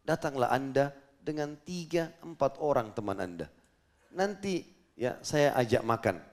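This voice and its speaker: A male preacher voicing a humble, earnest young man in a retold story, in a lower, softer voice. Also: expressive, unhurried, close to an everyday voice.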